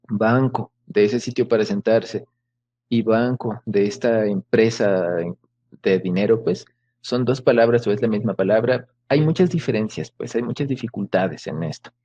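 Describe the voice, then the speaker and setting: A man's voice: mid-range voice, warm tone. Man giving a video-call linguistics lecture. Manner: explanatory, many fillers and rhetorical questions. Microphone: video call microphone.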